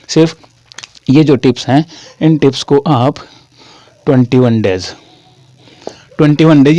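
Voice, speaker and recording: Young man from Haryana, informal teacher, slightly high voice, dry sound. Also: warm tone, no room sound. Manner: chatty, repeats phrases, calls listeners "brother". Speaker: English teacher. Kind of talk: classroom-style lesson.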